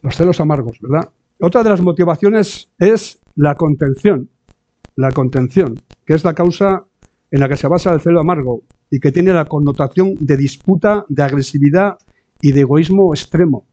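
A man's voice: on the high side, moderate pace, warm tone. A man giving a conversational church sermon, often adding tag questions and acting out quoted voices. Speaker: preacher. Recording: dull lo-fi sound.

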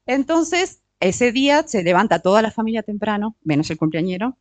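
A middle-aged woman leads a teaching session, steady at a mid pitch for a woman, and her voice sits close and dry with no room sound around it. She keeps checking in with her listeners through short tag questions and slows down to stress key words. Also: no echo. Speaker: workshop speaker on marriage and emotions. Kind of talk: teaching talk with audience interaction.

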